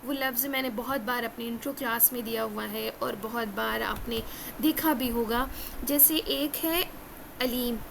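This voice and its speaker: A woman teaching Quran recitation rules in an earnest lesson, repeating key phrases and slowing down for emphasis. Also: fairly high pitch, gravelly, noisy background. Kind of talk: religious lesson.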